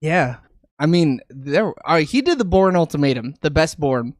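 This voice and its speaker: A man's voice: a little high, lively intonation, moderate pace, dry recording. Crude, opinionated man in dry sound. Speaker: podcast co-host reviewing movies. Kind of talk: casual movie discussion.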